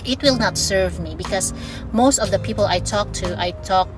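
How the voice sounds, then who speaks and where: With music behind her, a vlogger at home in Australia chats in a mid-range voice at a moderate pace. Originally from the Philippines and an Ilonggo speaker, she has a Filipino accent tinged with Australian, laughs a lot, and draws out her words.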